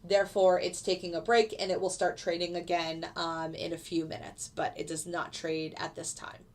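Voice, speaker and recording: Fairly low in pitch and flat in delivery, she speaks at a moderate pace through a nose blocked up by a cold that's hung on. It's live trading commentary: a futures day trader casually walking through her positions and responding to chat, fillers and all.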